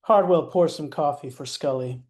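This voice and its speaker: A man with a slightly high voice and a darkish tone reads stage directions at a moderate pace. His delivery is matter-of-fact, broken up by wry asides, in scripted narration.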